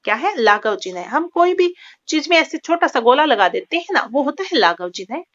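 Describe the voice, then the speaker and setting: A woman's voice: sits high, big pitch swings, brisk, fairly bright tone, dull audio. A woman teaching a grammar lesson to students. She explains step by step, repeats key terms and often checks in with the class.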